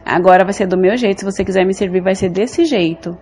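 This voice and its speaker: A woman's voice: medium pitch, fast talker, a little mellow, husky. A woman from Brazil giving an earnest, repetitive religious testimony, often calling her listeners brothers and sisters. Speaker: church member giving testimony.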